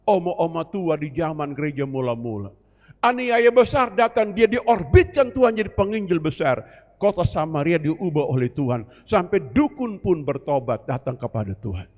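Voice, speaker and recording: A man's voice: high voice, animated, normal speed, darkish tone, lo-fi sound. Preaching man in a reverberant church hall. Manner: exhorting, calls congregation for amen. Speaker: pastor. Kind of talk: sermon.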